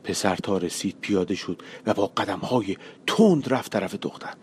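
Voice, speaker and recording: A man's voice: fairly low pitch, darkish tone, slight background noise. Male storyteller reading an audiobook. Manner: measured, colloquial storytelling. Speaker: narrator.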